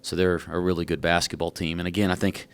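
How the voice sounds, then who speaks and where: A basketball coach, a man, answers questions at a press conference podium while still catching his breath. His voice sits low and stays fairly level in pitch. He talks frankly and rambles, with a self-joking touch. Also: little pitch movement, fast talker, clean tone.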